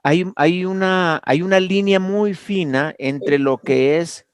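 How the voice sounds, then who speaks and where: A man's voice: high voice, takes it slowly, clear, resonant tone, dry recording. A man teaching an online Bible class, speaking hesitantly with many fillers and restarts.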